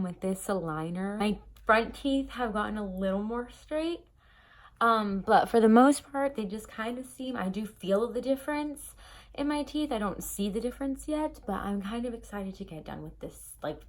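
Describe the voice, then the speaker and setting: A young woman vlogging casually from her bedroom, chatty and rambling with lots of ums and likes, and a slight lisp. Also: medium pitch. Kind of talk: casual chat to camera.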